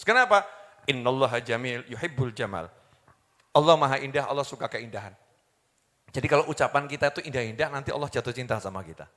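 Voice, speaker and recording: Man, sermon, lively pitch, bright tone, rhetorical questions, long hall reverb. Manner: animated, acts out everyday voices, rhetorical questions to the crowd. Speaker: preacher.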